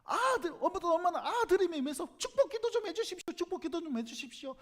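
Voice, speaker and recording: A man's voice: very high-pitched, sing-song, quick pace, voice pushed up. Desperate crowd member pleading for healing, urgent and raised, put on by a Gyeongsang-accented male pastor. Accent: Gyeongsang Korean. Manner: urgent, begging.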